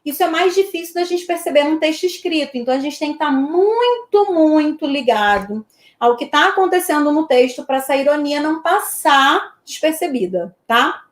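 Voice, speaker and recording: A woman's voice: high-pitched, expressive, moderate pace, reverberant. A woman from Brazil teaching an online exam-prep lesson in a chatty way, checking in with her students after almost every point.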